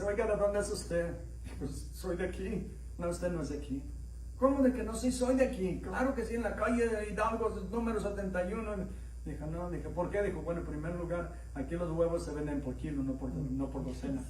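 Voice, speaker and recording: Speaking at a normal speed in a high-pitched, darkish voice, a middle-aged Mexican pastor gives a conversational sermon. He tells stories, puts questions to the congregation, and acts out dialogue in raised voices, his Mexican accent slightly mixed. The distant mic in the echoey sanctuary picks up a little hiss or hum.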